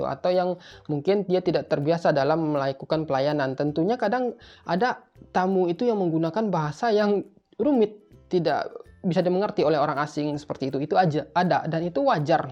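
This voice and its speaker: Fast-talking chatty man. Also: fairly high pitch, darkish tone. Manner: chatty, informal, keeps repeating a filler tag. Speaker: tutor for job interviews in Japan. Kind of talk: casual explainer video. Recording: slightly muffled, faint music behind.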